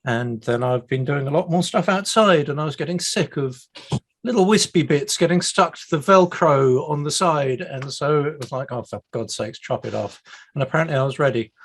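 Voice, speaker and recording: Hosting a video-call meetup, this UK man talks at a normal speed in a slightly high voice. His casual chat is talkative and self-deprecating.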